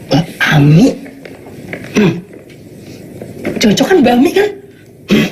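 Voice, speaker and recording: A woman's voice: medium pitch, slow pace. An actress playing an affectionate young mother who coaxes her child. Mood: coaxing. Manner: coaxing, animated. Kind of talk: film acting. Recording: noisy film audio.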